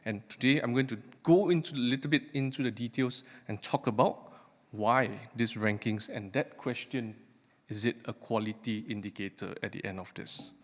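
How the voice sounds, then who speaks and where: Man presenting in a reverberant hall. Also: mid-range voice. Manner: questioning, engages audience with rhetorical questions. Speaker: academic researcher giving a talk. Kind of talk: live lightning talk to an audience. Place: large hall, speaking to a live audience. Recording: echoey hall with long reverb.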